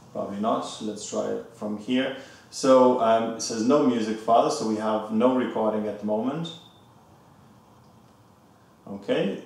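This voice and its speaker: A man's voice: medium pitch, darkish tone, far from the mic. Casting: male tech reviewer, easygoing step-by-step explainer, heavy echo like a big hall, mic set back from him. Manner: explains step by step, loose and chatty, with fillers. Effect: heavy room echo, like a big hall. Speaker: gadget reviewer. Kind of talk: casual product walkthrough. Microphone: camcorder microphone at a distance.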